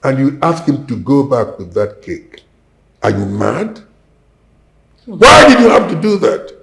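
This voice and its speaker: A man's voice: medium pitch, lively intonation, unhurried, creaky, darkish tone, roomy sound. An actor with a Nigerian accent playing a stern king who gives angry commands in a film drama. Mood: indignant. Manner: commanding, threatening.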